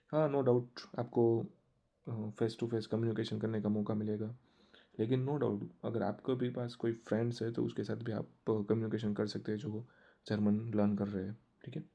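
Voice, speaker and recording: A man giving a casual online German lesson, explaining slowly and repetitively while mixing Hindi and English. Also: lowish voice, dark tone. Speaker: German language teacher.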